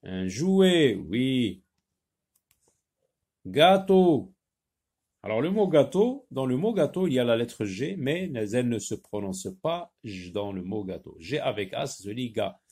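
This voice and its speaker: A man teaching a reading lesson to young children, slowly modelling sounds and repeating words. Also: mid-range voice, sing-song, dark tone, breathy edge.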